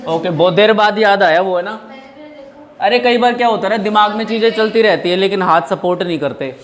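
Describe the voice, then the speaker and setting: Brisk and high-voiced with a fairly bright tone, a young male teacher explains English grammar in a classroom lesson. He mixes Hindi and English and jokes around with the students.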